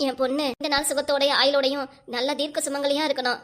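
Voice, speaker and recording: A woman's voice: high voice, flat delivery, fast, a bit bright. A woman with southern Tamil village speech who voices a whole cartoon family, chatty, coaxing and scolding. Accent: southern Tamil Nadu village speech. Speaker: cartoon voice artist. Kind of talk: voicing many family members in a cartoon.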